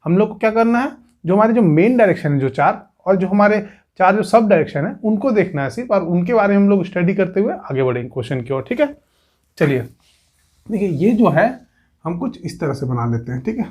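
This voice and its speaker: With a high voice, lively intonation and a brisk pace, a male teacher runs an exam coaching lesson at a whiteboard, though the audio is dull. He repeatedly says "theek hai" and asks his students rhetorical questions.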